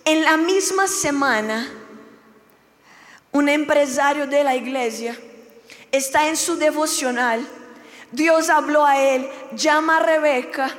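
A young woman with a very high voice gives a heartfelt testimony, acting out the lines of the people in her story. Her voice rings with a long hall echo. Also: slow, long pauses. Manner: emotional storytelling, acting out dialogue. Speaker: church speaker giving testimony. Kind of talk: testimony sermon.

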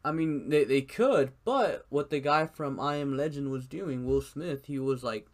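A man's voice: on the high side, measured pace. A man rambling in casual chat, full of filler words and swearing.

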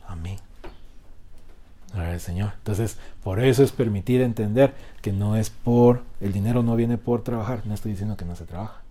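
A man preaching a sermon, asking the congregation questions and swinging between loud and soft. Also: on the low side, normal speed. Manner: call-and-response with congregation.

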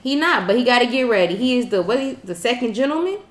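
A woman co-hosts a casual podcast chat, joking and telling stories with a lively, swinging delivery. Her voice sits a little high. The room around her rings with a noticeable echo. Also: fast talker. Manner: animated, joking storyteller. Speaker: podcast co-host.

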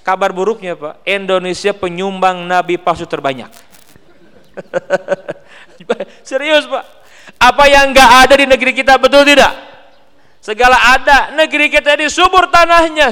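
A man with a West Javanese accent giving a lively sermon, joking and asking the congregation questions. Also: extremely high pitch, measured pace, pauses often, clean tone, big-room sound. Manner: animated, teasing, asks the crowd questions. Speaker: preacher. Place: mosque hall.

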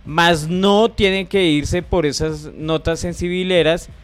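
A man's voice: fairly high pitch, steady tone, takes it slowly, smooth, no echo. A man with a Colombian accent co-hosting a podcast in casual, colloquial, opinionated banter. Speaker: podcast co-host. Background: faint music.

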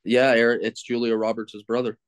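A man's clean, medium-pitched voice holds a level tone and moves a little fast in a dry recording. He's a film critic on a podcast having a casual chat, thinking out loud for answers, self-deprecating and swearing whenever he draws a blank.

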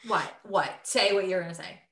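Woman, late 20s, casual podcast co-host, chatty, bright voice, roomy echo. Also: fairly low pitch, moderate pace. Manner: chatty, laughing, lots of fillers. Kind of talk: casual chat.

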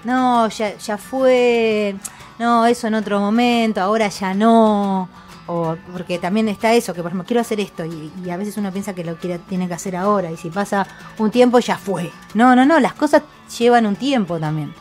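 A woman musician with a Rioplatense accent speaks in an interview, her voice sitting at a middling pitch. She thinks aloud and often restarts her sentences. Soft music plays faintly beneath her. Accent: Rioplatense Spanish. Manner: thoughtful, halting, with many restarts. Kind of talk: reflective interview talk.

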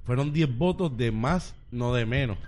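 A man's voice: mid-range voice, expressive, moderate pace, darkish tone. A Puerto Rican man in a casual group chat, speaking with passion, cursing freely and repeating his points for emphasis.

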